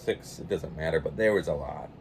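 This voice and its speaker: An older man telling a meandering story in a quiet, low-key way, with lots of restarts. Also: a little fast, slight background noise. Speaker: pipe-smoking channel host. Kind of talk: casual rambling anecdote.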